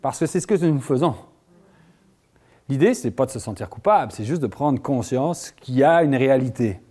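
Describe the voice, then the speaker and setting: A man from France with a French accent, giving a public lecture and quizzing his audience in a lively, joking way. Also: mid-range voice, normal speed. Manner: lively, jokey, asks the audience questions. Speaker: lecturer on groundwater.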